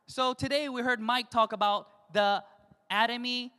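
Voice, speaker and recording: A woman addresses a crowd from a stage in a large hall, her slightly high voice carried on a stage mic. Long reverb trails after her short, measured phrases. She keeps prompting listeners with quick check-in questions. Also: fairly even intonation, sharp tone, smooth. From United States. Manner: pauses in short chunks, asks the audience "yes?". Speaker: motivational speaker at a business event. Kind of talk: stage speech with consecutive interpretation.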